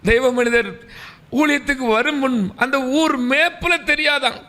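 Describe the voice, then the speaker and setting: A man's voice: very high voice, moderate pace, pushed and bright. A man preaching a sermon with passion, acting out laments and calling the congregation to say amen. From South India. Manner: impassioned, calls for amens, acts out quoted laments. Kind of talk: Tamil sermon.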